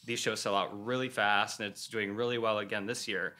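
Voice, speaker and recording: A man's voice: lowish voice, fairly even intonation, a little fast, bright, forceful tone. A man from Wisconsin, a theater company guest chatting and joking on a podcast. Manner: laughs easily, joking. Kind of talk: casual chat.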